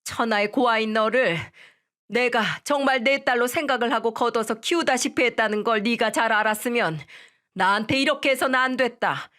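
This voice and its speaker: A woman voicing a strict middle-aged mother-in-law who scolds and gives orders in a firm, fairly high voice. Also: normal speed, a bit bright, lightly acted. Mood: scolding. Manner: stern, scolding.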